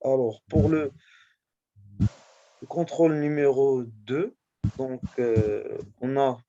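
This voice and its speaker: A male teacher going over a test in class, speaking haltingly and often checking that his students follow. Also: mid-range voice, fairly even intonation, dark tone, dull audio. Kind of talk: classroom lesson correcting a test.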